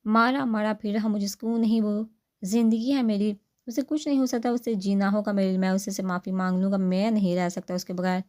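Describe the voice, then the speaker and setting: A woman's voice: mid-range voice, fairly even intonation, a little mellow, natural voice. A woman voicing a desperate tearful husband. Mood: pleading. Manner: pleading, tearful. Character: desperate remorseful young husband, male.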